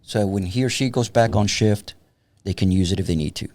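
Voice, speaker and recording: A tactical trainer in his fifties from San Antonio, Texas, appears as a guest in a casual podcast conversation, speaking in a wry, plain-spoken way. His voice is fairly low, brisk, and a little mellow.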